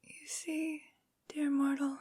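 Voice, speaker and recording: Girl doing an evil posh vampire lady asmr rp, high breathy whisper, super slow, condescending n menacing. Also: level tone, mellow. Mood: gloating menace. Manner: slow, deliberate, condescending, drawn-out phrasing. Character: tall, evil, haughty aristocratic vampire woman, menacing. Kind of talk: soft-spoken ASMR villain roleplay.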